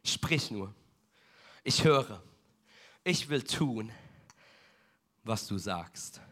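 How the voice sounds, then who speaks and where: Preacher guy doing little temple boy, puzzled and eager, bright voice. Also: sits high, wildly swooping pitch, brisk, heavily acted.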